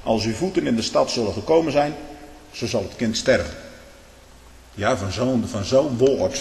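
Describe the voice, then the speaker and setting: Male preacher, stern sermon, wide swings in pitch, thunderous then muttering, asks "hè?", long church echo. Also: gravelly. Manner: swings between booming proclamation and low muttered asides, tagging "hè?" and "hm?"; stern, declamatory, archaic biblical phrasing. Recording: echoey reverberant hall.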